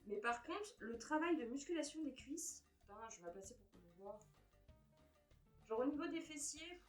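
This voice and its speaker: A young woman with a fairly high voice chats frankly to her camera. She is expressive and casually swears now and then. Faint music plays underneath. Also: normal speed. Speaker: fitness and weight-loss vlogger. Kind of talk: casual vlog talk to camera.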